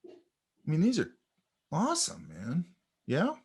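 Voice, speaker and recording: A man talks through a sketching lesson in a loose, conversational way. His pitch rises and falls a lot as he gets excited about the drawings. He often drifts off into stories along the way. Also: takes it slowly, creaky, breathy edge. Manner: animated, storytelling, talks over drawings. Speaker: art instructor. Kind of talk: casual teaching chat.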